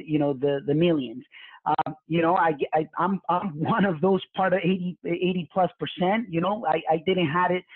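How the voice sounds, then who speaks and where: A male real estate webinar host with a Mexican Spanish accent speaks in a fairly high voice, trying to motivate his audience but stumbling and restarting repeatedly with fillers. The audio is very dry and tinny, like a phone line, with no room sound.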